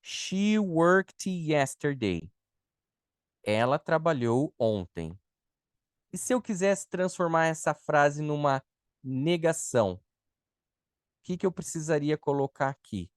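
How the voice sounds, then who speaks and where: A Brazilian man teaches an online English class at an unhurried, deliberate pace. He explains patiently and answers students' chat questions one by one. The recording is dry, with no room sound. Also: on the high side, lively intonation, no room sound. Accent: Brazilian Portuguese.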